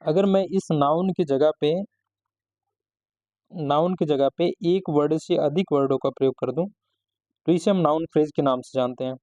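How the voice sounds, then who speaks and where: A man's lesson voice, somewhat high-pitched yet mellow in tone, explaining grammar step by step. He is recorded dry and close, with a slightly dull, lo-fi sound. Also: dry recording. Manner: slow, methodical explaining with frequent restarts. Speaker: grammar teacher.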